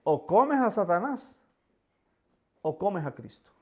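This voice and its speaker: A man's voice: high-pitched, sing-song, slow pace. A man preaching a sermon with fervor, voicing pleading prayers and often repeating words.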